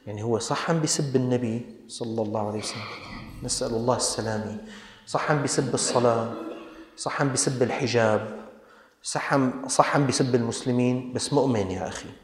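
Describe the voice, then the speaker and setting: A man's voice: medium pitch, fast talker. A man with a Levantine Arabic accent preaching a sermon, scolding his listeners with pointed rhetorical questions. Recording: echoey hall.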